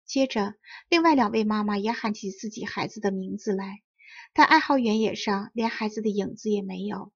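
A woman reading a children's story aloud in clear, carefully enunciated storybook narration. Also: mid-range voice, moderate pace, a bit bright, highs cut off. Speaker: audiobook reader.

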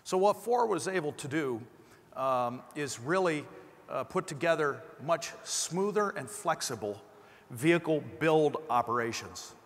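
A man's voice: fairly high pitch, animated, unhurried. Middle aged guy doing a conference keynote, bit of a lisp, long echo from the hall. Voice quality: slight lisp. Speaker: company presenter. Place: large conference stage indoors. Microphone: clip-on lapel mic. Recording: amplified hall with long reverb.

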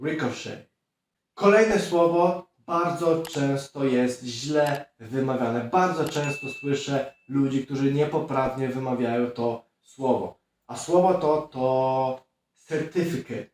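A man teaching English pronunciation, drilling words slowly and clearly and prompting the listener to repeat. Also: medium pitch, a little mellow. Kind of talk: pronunciation lesson. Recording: very echoey room, heard from a distance.

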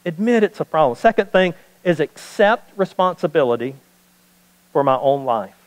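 High-voiced pastor preaching. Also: male voice, big pitch swings, normal speed, big-room sound, rough recording. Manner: emphatic, repeats key points. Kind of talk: sermon.

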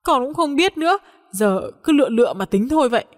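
A woman's voice: high voice, animated, big-room sound, voice pushed up. Woman doing a flustered young man. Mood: evasive. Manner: nervous, hurried deflecting.

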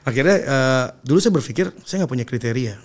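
A man's voice: medium pitch, lively intonation, fast. A young adult man, a pastor and guest, telling his story in an earnest, reflective way in casual conversation.

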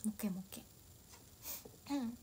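A woman's voice: takes it slowly, warm tone, slight background noise. A young woman idol, chatting casually and giggling as she answers viewer comments on a solo livestream. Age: young adult.

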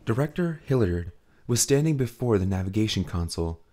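Casting: male audiobook narrator, mellow and lively in pitch, steady and dramatic. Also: fairly quick. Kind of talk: scripted narration.

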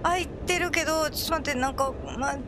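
Very high-pitched excitable woman gamer. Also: fast, noisy background. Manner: excitable, cries out when scared. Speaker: video game player. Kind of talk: horror game playthrough commentary.

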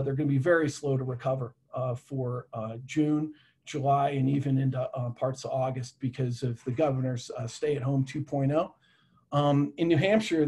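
A man's voice: medium pitch, a little mellow, slightly rough. A man in his thirties presenting travel data on a webinar video call from a home office, casual and full of fillers and restarts.

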